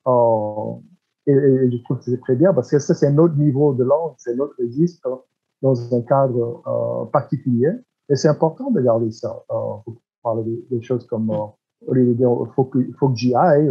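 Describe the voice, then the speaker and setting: A man with a Louisiana French accent, speaking as a panelist, lively and repeating words as he gets going. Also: medium pitch, slightly rough, lo-fi sound. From Louisiana, USA. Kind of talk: panel discussion.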